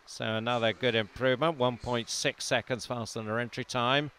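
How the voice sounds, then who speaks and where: Calling a swimming meet live, a non-Welsh man reads out lanes and times calmly, then lifts his voice for tight finishes. He speaks in a smooth, mid-range voice at a slightly fast pace.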